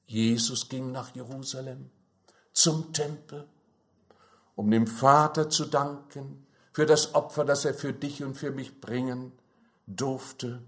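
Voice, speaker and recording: A man delivering a sermon at an unhurried, deliberate pace. His voice sits at an ordinary pitch and he leans hard into the key phrases with growing fervor. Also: fairly even intonation, a bit bright. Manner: slow, emphatic preaching with rising fervor. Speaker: preacher.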